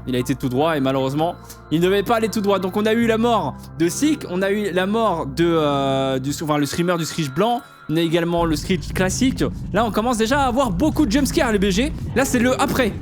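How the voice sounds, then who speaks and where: A man's voice: sits high, expressive, fast talker, soft background music. A man giving casual commentary on a game, explaining things to the viewer in informal, slangy language. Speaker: gaming video host.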